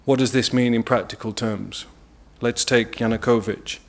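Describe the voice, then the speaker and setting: At a press briefing, a British international lawyer gives a formal legal presentation. He speaks deliberately and in a measured way, with a mid-range voice and fairly even intonation, emphasizing key words.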